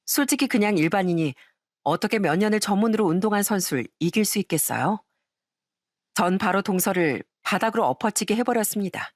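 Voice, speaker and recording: Woman telling a story with a lively pitch. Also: a little fast, no echo, clean studio sound. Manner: indignant, confiding first-person telling. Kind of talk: scripted story narration.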